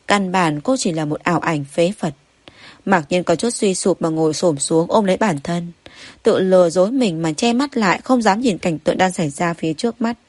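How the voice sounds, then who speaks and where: A woman's voice: fairly low pitch, moderate pace, a little mellow, no echo. A woman narrating a novel as an audiobook, reading evenly and steadily. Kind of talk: scripted story narration.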